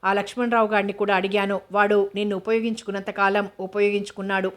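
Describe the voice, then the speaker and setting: A woman's voice: mid-range voice, little pitch movement, quick pace, natural voice. A woman reading aloud as a brusque young man who speaks tersely and seriously. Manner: irritated, terse.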